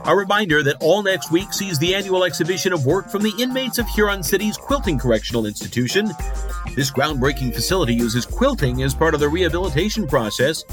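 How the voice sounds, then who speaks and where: A man acting as a frazzled, lonely radio host, darkly cheerful and rambling. His fairly high voice swings up and down through deadpan comic patter, over clearly audible music. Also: a little fast, natural voice. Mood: brisk announcing. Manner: rambling, deadpan patter that slips into weary muttering. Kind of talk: comic local radio show hosting.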